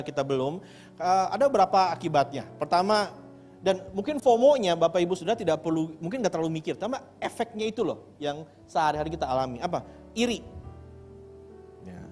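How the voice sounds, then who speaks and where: A man preaching a sermon as pastor, lively, acting out the voices of people he quotes and mixing English words into his talk. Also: a little high. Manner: animated, acts out quoted voices. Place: church hall. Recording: church hall with long reverb.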